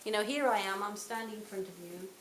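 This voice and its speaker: A woman in her sixties giving a reflective Buddhist talk to a retreat audience, her phrases often trailing off softly. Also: medium pitch, fast talker. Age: 60s. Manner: reflective, warm storytelling with soft trailing phrase ends. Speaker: Buddhist teacher. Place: retreat hall. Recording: roomy hall, faint hiss.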